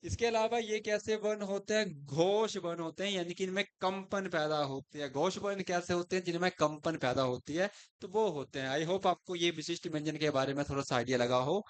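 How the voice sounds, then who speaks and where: A man's voice: sits high, fairly quick, clear, resonant tone. A man teaching grammar who keeps asking questions and answering them himself. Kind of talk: explanatory lesson.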